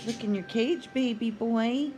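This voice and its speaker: A woman talking affectionately to her pet bird at home, cooing short repeated phrases with pauses between them, with chirps behind her. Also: fairly high pitch, music in the background. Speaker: pet owner talking to a budgie. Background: budgie chirps and clicks.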